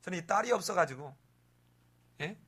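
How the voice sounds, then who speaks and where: Male pastor, animated expository preacher, bright forceful delivery. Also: high voice, normal speed, slightly rough. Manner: animated storytelling, rhetorical questions. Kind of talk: expository sermon.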